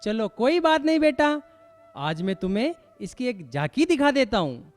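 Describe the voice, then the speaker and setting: A man's voice: very high-pitched, sing-song, normal speed, soft background music. A man playing a stern grandfather. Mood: gentle. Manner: reproachful, lecturing. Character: stern, caring elderly grandfather scolding quarrelling grandsons. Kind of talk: school stage play acting. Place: school stage.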